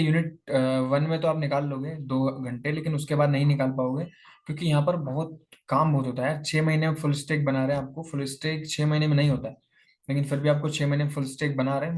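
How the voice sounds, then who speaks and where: Talking casually on a lavalier mic, a young YouTuber responds to viewer comments, calling people "buddy," "brother," "yaar" and "bhai" in a relaxed, informal way. His voice sits a little high and has a darkish tone.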